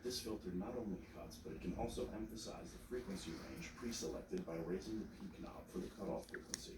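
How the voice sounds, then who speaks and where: A man giving scripted, step-by-step instruction in a measured, explanatory manner. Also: fairly low pitch, heavy background noise. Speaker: instructor, tutorial narrator. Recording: roomy, distant mic, music behind.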